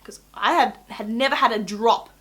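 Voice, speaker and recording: A nineteen-year-old Australian woman telling a casual storytime to camera in a chatty, gossipy, excitable way with dramatic emphasis. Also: fairly high pitch, normal speed. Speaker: YouTube vlogger.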